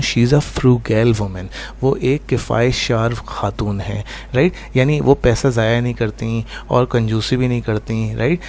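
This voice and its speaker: A man teaching a vocabulary lesson at an ordinary middle pitch. He keeps asking "right?" after each point and drags out each English word slowly for the learners. He switches easily between explanation and spoken example sentences. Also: a little mellow, a little hiss or hum.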